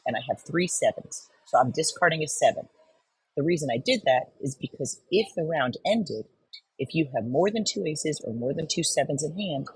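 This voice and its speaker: A woman's voice: very deep voice, slightly rough, no room sound, poor audio. A woman narrating a step-by-step card game tutorial, explaining each turn patiently and methodically.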